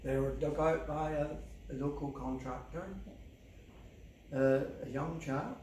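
An older man, a farmer talking plainly and unhurriedly in an outdoor interview, pausing with fillers as he goes. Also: fairly high pitch, steady tone. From England. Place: outdoors on farmland. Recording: roomy, distant with loud outdoor noise.

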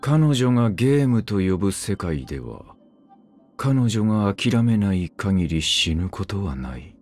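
A man delivers game lines as a brooding, world-weary immortal swordsman, low, curt and grim in clipped bursts. His sing-song delivery is a little slow and slightly mellow, set against soft background music.

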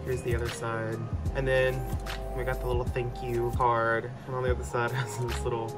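A man's voice: mid-range voice, monotone, normal speed. A teenage boy with a stuffy, congested nose, rambling in a casual, self-mocking voiceover from his bed. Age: teens. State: nasal congestion. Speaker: art vlogger. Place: bedroom, sitting in bed. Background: background music.

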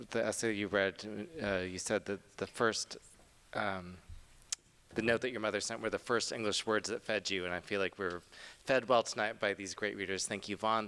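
A man's voice: on the low side, sharp tone, clear, resonant tone. A man in his thirties moderating a reading event in a large auditorium, thanking the readers with a hesitant, filler-filled delivery. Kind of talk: hosting a panel reading event. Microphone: lectern microphone.

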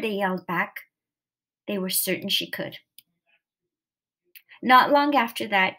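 A woman's voice: medium pitch, a bit bright. A woman narrating a nonfiction story aloud, reading steadily with the odd slip and self-correction. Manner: reads steadily with occasional slips and self-corrections.

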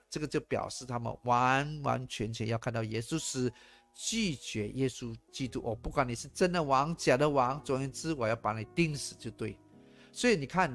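Male pastor, gravelly tone, preaching with faint music behind. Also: medium pitch. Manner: animated, mixes in English phrases, rhetorical questions. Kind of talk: sermon.

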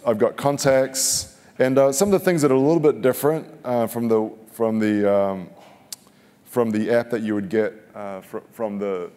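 A man in his forties gives a casual, joking live product demo on a conference stage, frequently stopping and restarting his sentences. His voice is medium-pitched and dark in tone, at normal speed. He wears a headset mic, and the big hall adds a long reverb.

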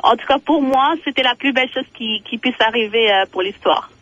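A woman calling in to a radio show by phone, speaking haltingly with frequent fillers. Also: fairly high pitch, a bit bright, no room sound. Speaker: caller. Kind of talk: phone-in call. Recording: tinny phone line.

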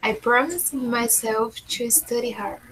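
A woman's voice: on the high side, takes it slowly, fairly bright tone, slight background noise, poor audio. A woman student in an online English class over a video call, repeating phrases after the teacher and asking short questions. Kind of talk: pronunciation practice in online class.

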